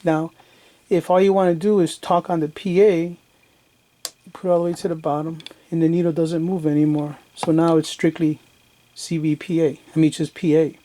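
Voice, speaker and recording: A man with a fairly high, mellow voice walks through radio gear step by step at a normal speed, his delivery flat and plain-spoken like a hobbyist's casual hands-on demo. The recording is noisy, with radio static and other background noise throughout.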